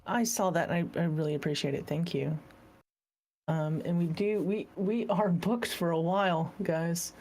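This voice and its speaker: A woman's voice: fairly low pitch, steady tone, normal speed, darkish tone. A woman co-hosting a podcast, chatting in a playful, self-mocking way. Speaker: podcast co-host. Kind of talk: casual chat.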